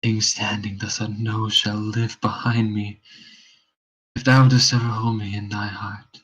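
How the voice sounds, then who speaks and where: A man performs a noble prince on his deathbed in a stage tragedy, faint and breathy. The voice is low and slow, halting as life fails. The recording is dull. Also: little pitch movement, a bit bright. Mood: fading, resigned. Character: dying Danish prince, anguished, noble, failing. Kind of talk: amateur read-through of Shakespeare verse drama.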